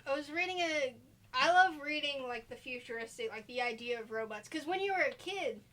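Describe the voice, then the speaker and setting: A young woman telling rambling, animated stories as she hosts a casual podcast chat. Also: high-pitched, a little fast. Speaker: podcast host.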